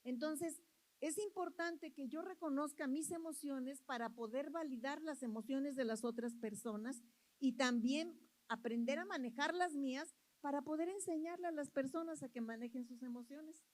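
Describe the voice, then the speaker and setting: A high-pitched woman delivers a sermon from the pulpit. She speaks earnestly, circling back over her phrases and putting questions to the listeners. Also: normal speed, a little mellow, poor audio. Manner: earnest, repeats phrases, asks the congregation questions. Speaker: preacher.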